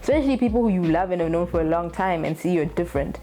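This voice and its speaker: Young woman vlogger, low mellow voice, frank and swears a lot, faint music behind. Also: lively intonation, rapid-fire. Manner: candid, blunt, swears freely, laughs often. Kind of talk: casual talk to camera.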